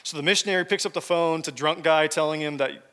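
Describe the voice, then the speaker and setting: A man's voice: a little high, quick pace, fairly bright tone, smooth. A man preaching a sermon, telling a personal story with joking asides to his congregation. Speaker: pastor. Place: church hall with congregation. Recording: long hall reverb.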